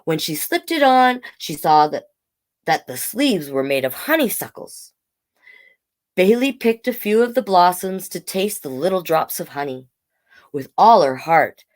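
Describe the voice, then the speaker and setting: This storytime host, also a drag king performer, brings a children's book to life aloud and coaxes the kids along with little side comments. Her low voice is animated yet unhurried.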